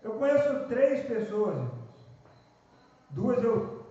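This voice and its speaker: A man's voice: sits high, big pitch swings, slow, noisy background. A Brazilian man preaching a sermon, telling testimony stories and building to emphatic points. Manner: storytelling preacher, rising to emphatic peaks. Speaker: pastor. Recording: distant, echoey, dull church recording.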